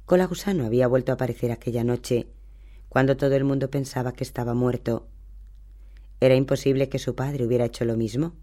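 A man narrates a novel in steady, even storytelling. His voice is dark and mellow, with a relaxed, scripted delivery. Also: mid-range voice, fairly quick. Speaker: audiobook narrator.

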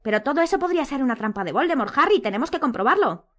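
Woman doing a worried know-it-all teen girl, high voice, urgent and pushy. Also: very animated, rapid-fire, fairly bright tone. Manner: urgent, pleading, organizing. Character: anxious, bossy clever teenage girl.

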